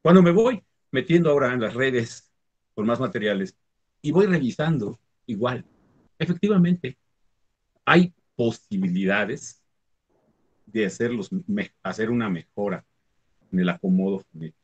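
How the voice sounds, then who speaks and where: A man's voice: mid-range voice, lively intonation, normal speed, pauses often, husky, muffled recording. A man from the Huasteca region of Mexico with a Mexican Spanish accent, a Nahuatl teacher explaining spelling and pronunciation in a conversational talk, often checking in with the listener.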